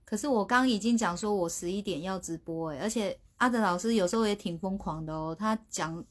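A woman's voice: medium pitch, a little fast. A woman hosting a casual livestream from her phone, chatty and sheepish, often restarting her words. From Taiwan. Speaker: livestream host.

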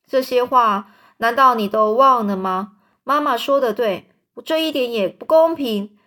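A woman's voice: fairly high pitch, moderate pace, fairly bright tone, close to an everyday voice. A woman voicing an innocent young daughter who pleads tearfully with her father in a storybook reading. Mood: pleading.

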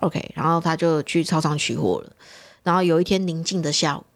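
A woman, an online shop owner telling customer stories in casual chat with animated flair. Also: low voice. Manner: animated storyteller, quick and expressive.

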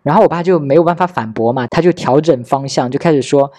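In a casual storytelling monologue, a podcast host in his thirties shares a personal tale with candor and wry humor, re-enacting exchanges with relatives. His voice is a little high and dark-toned, his pace quick, and there's no echo.

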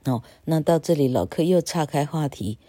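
A woman gives a casual English lesson, chatty and wandering off topic, tagging phrases with "ha" and spelling words out slowly. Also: low voice, animated, dark tone, no room sound, studio quality. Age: 60s. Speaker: English teacher.

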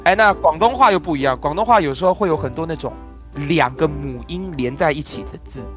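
Casting: a Taiwanese man, a crosstalk performer guesting on a talk show, relaxed and explanatory, with faint music underneath. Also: a little high, fairly quick. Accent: Taiwanese Mandarin. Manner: explains pronunciation with playful spoken demonstrations. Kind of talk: casual interview chat.

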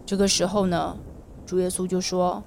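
A woman telling a Bible story to children, gentle and coaxing, asking the little listeners questions, recorded close to the mic. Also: lowish voice, level tone, normal speed, creaky, a little hiss or hum.

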